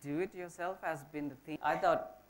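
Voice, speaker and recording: A woman with a very low, deep voice talks about her massage work at an indoor stage event. She hesitates and restarts often, filling pauses with ums. She speaks into a handheld mic. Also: fairly even intonation. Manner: hesitant, many fillers and restarts. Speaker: massage expert.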